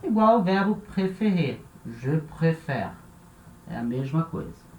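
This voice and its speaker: A man with a Brazilian Portuguese accent teaches a grammar lesson, patiently repeating every example. His voice sits a little high. The recording is roomy and echoey, with a faint hiss underneath. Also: very animated, moderate pace, lo-fi sound. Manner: patient, repeats and spells out each form. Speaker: language teacher. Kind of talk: explaining French grammar in Portuguese. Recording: echoey room with faint noise.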